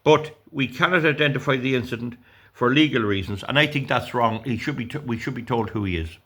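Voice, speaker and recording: An Irish political commentator in his sixties reads news items aloud and rants about them indignantly, rambling and stumbling over his words. His mid-range voice is husky and fairly bright, and he talks a little fast.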